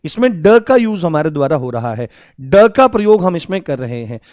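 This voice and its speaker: Fondly addressing his students as "babu," a man runs a grammar lesson where he asks questions and then answers them himself. His pitch is fairly high and his tone darkish, and he sounds very animated at a normal speed. The studio recording is clean with no echo.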